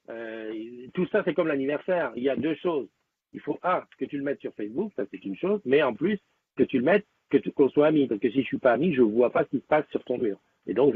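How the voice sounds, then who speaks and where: A man's voice: medium pitch, breathy edge. A man hosting a live stream, chatting casually with viewers and rambling with many fillers and restarts. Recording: tinny, lo-fi phone-like sound.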